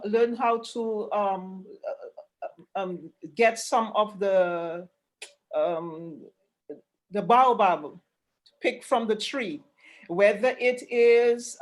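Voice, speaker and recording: A woman explaining her work conversationally on an online panel, halting at times and repeating words for emphasis. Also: medium pitch. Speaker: panelist presenting a rural tourism programme. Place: online video call.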